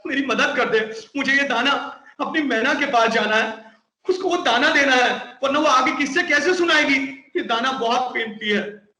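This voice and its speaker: A man doing a high begging parrot. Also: moderate pace, sharp tone, reverberant, exaggerated voice. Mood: pleading. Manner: sing-song begging. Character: pleading little male parrot.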